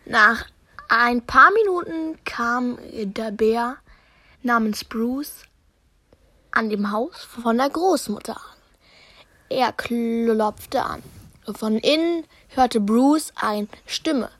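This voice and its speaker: Slow, careful woman storyteller. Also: on the high side, pushed and bright, no echo. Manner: slow, careful reading with giggles. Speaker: podcast co-host. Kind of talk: reading a fairy-tale parody aloud.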